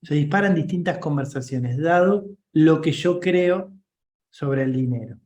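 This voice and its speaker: A man's voice: fairly high pitch, unhurried, a little mellow, reverberant, lo-fi sound. A man with a Rioplatense Spanish accent, giving an informal leadership coaching class and checking in often with his listeners.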